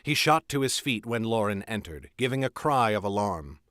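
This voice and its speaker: A man reading his own fantasy novel aloud in an expressive storytelling manner. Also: fairly low pitch, normal speed, no room sound, clean studio sound.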